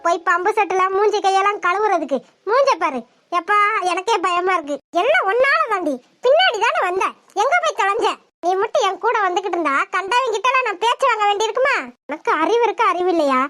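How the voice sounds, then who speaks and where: A woman's voice: extremely high pitch, animated, fast talker, fairly bright tone. A woman voicing a modest young village woman in a cartoon, talking in a nagging, exasperated way. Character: meek but scolding young village woman. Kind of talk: cartoon voice acting.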